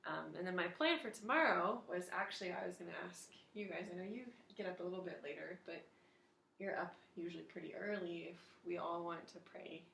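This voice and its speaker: A woman's voice: on the low side, fairly quick, vocal fry, a bit bright, roomy sound, a little hiss or hum. A woman sharing her evening prayer reflection in a casual, hesitant way at home, with many fillers and restarts. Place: home at night.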